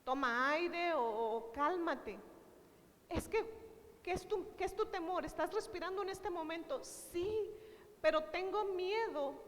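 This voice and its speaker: High-voiced woman preaching in a reverberant hall. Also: a little slow, a bit bright. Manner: earnest, direct address to the congregation; retells conversations with quoted dialogue. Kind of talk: sermon.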